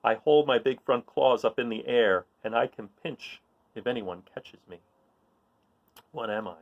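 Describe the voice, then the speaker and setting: A read-aloud storyteller reads a children's picture book in an informal, expressive way, asking young listeners questions and encouraging them. He has a medium-pitched voice and an unhurried pace, and the sound is phone quality.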